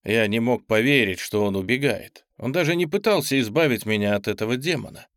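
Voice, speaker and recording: Guy narrating a book, steady and measured, mid pitch, dead dry sound. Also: dry recording. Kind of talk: audiobook narration.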